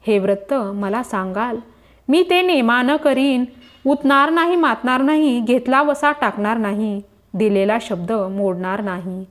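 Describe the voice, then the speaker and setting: Casting note: a woman voicing a nervous young maid in a storybook telling, soft and pleading. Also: a little high, measured pace, lightly acted. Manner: hesitant, pleading. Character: timid young palace maid, anxious.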